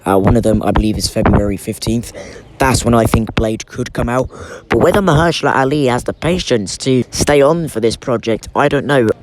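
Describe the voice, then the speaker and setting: A man delivers casual film news in a chatty, enthusiastic fan's manner. He speaks at a middling pitch, with a towel over his head to shield the microphone from wind. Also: brisk, rough recording. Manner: chatty, enthusiastic fan talk. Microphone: microphone under a towel over his head, shielding it from wind.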